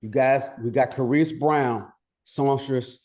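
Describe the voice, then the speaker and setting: A man's voice: mid-range voice, fairly even intonation, takes it slowly, a little mellow. A man hosting a casual chat over a video call, upbeat and encouraging his guests. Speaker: host.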